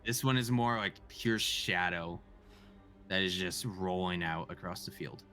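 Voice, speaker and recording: A man narrates a tabletop game as its dungeon master. His pace is slow and deliberate, with hesitant fillers, and his tone is bright and forward. Faint music plays underneath. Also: low-pitched.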